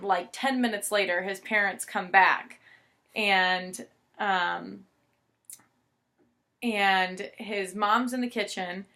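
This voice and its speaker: A woman's voice: mid-range voice, bright, forceful tone. A young woman casually telling a story, chatty, with fillers and quoted dialogue.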